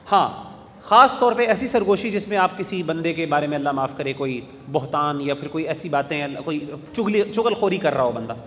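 A man's voice: on the high side, long reverb tail, slight background noise. Man reciting and explaining verses. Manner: recites Arabic verses, then explains in Urdu with restarts. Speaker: Quran teacher. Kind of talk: verse-by-verse Quran translation lesson.

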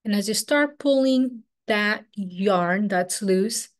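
A woman from Peru leads an online spiritual workshop on a video call, her speech loose and flowing and packed with fillers like "like" and "um." She talks slowly at a medium pitch, captured through a webcam.

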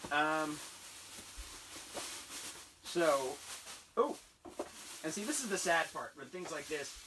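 A man in his thirties chatting casually and rambling with excitement as he unboxes old toys in a cluttered basement room. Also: a little high, recorded from a distance, noisy background. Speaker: toy collector vlogger. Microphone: camera a few feet away.

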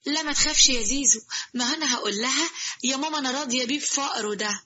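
A woman voicing a gentle, devoted young wife who speaks softly and affectionately in Egyptian Arabic. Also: sits high, very fast, highs cut off. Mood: tender. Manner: soft, affectionate.

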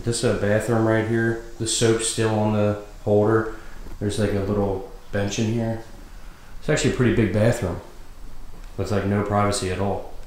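A young man hosting a casual video walkthrough of an abandoned property, excited and peppering his talk with "like", walking outdoors and through empty rooms. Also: fairly low pitch, normal speed, a little hiss or hum, rough recording. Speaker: urban explorer host. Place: outdoors on rural land, then inside an empty house.

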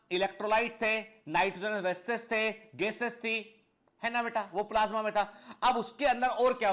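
Man, high pitch, teacher lecturing, explanatory, repeats key points, frequent check-in questions, lapel mic. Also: a bit bright. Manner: explanatory, addresses students fondly as children; checks understanding with frequent short tag questions. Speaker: biology teacher for medical entrance students. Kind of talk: recorded lecture for students. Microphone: clip-on lapel mic.

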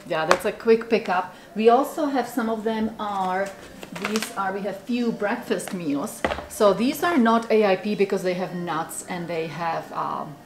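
A woman's voice: mid-range voice, unhurried, noisy background. A woman from the Czech Republic in her forties with a Czech accent, chatting animatedly in an interview in a small office, with many fillers. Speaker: food company founder. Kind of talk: casual interview chat. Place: small office with bookshelves, indoors.

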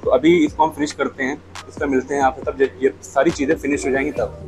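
Music plays in the background as this thirty-something food vlogger, with a Lucknow Hindustani accent, talks quickly in a mid-range voice. He's relaxed and chatty, eating at a restaurant table and describing each dish to the camera through a lapel mic. The recording is low quality.

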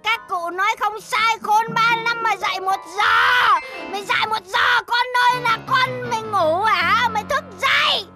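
A woman's voice: very high voice, measured pace, few pauses. A woman playing a melodramatic old village aunt with a Northern Vietnamese accent, cursing and wailing in a stage comedy sketch. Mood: scolding. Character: scolding old village aunt, loud and dramatic. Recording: music playing underneath.

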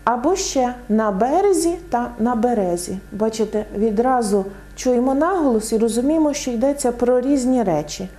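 A woman explaining word meanings in a clear, didactic lesson, giving many examples. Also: on the high side, lively intonation, moderate pace, hardly any pauses, warm tone. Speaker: language teacher.

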